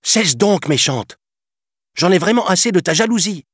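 Storybook hero: a cocky young boy, high, loud and defiant, voiced by a man. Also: lively intonation, normal speed, no room sound, studio quality, heavily acted. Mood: exasperated. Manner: shrill and defiant. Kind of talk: storybook reading.

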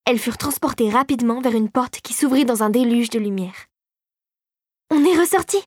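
A woman narrates a storybook in a calm, measured way. Her voice sits slightly high, and the recording is dry and close, with no room echo.

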